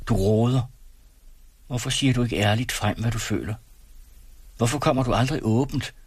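En mand, der læser en skarp og bebrejdende ung kvinde i en lydbog. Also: male voice, mid-range voice, breathy edge, voice pushed up, close to an everyday voice. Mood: reproachful. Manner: reproachful, teasing. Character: sharp-tongued, restless young woman.

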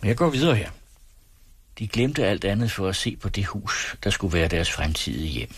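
A man hosting a radio program, reading a novel aloud in calm, measured narration. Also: low-pitched, slightly rough, dry recording. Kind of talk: literary read-aloud narration. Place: radio studio.

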